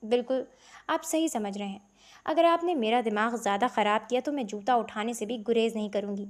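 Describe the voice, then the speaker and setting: A woman's voice: on the high side, close to an everyday voice. A woman reading a cold, scornful devout young woman.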